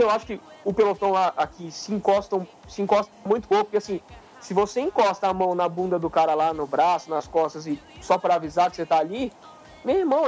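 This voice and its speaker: Homem com sotaque brasileiro, fala acelerada, tom inflamado e boca suja; bate-papo de podcast. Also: male voice, high-pitched, a little mellow. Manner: heated storytelling, swears freely. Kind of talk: casual chat.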